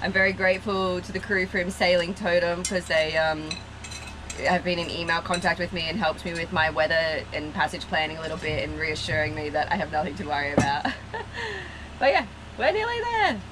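A woman in her thirties, a veterinarian, chatting casually to a handheld camera aboard a sailboat and on a dock, explaining things in a gentle, chatty way. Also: on the low side, fairly quick. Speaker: veterinarian and sailing vlogger. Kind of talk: casual vlog talk to camera. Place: aboard a sailboat and on a harbour dock, mostly outdoors. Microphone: handheld action camera. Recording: loud wind and boat noise.

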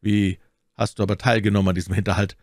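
A man's voice: fairly low pitch, little pitch movement, quick pace, dry recording, close to an everyday voice. A man voicing a bold young officer who speaks in a stern, commanding way in an audiobook.

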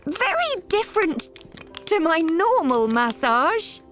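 Cheerful mother pig, British accent, children's cartoon, gentle, very melodic, faint music behind. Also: extremely high pitch, sing-song, takes it slowly, heavily acted. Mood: cheerful, explaining. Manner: patient, kindly explaining.

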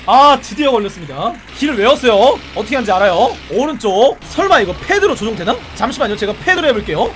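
High-voiced excitable male game streamer. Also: fast talker, hardly any pauses, a little hiss or hum. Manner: excitable, shouts and repeats short cries; talks to his viewers. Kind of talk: live game stream commentary.

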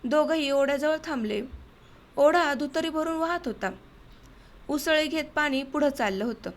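A woman narrating a short story for an audiobook in a steady, measured way. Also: sits high, a little hiss or hum.

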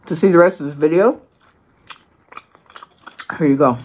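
Low husky woman chatting through a meal. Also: moderate pace, a little mellow. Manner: chatty, playful, addresses viewers directly. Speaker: mukbang host. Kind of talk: casual eating vlog chat.

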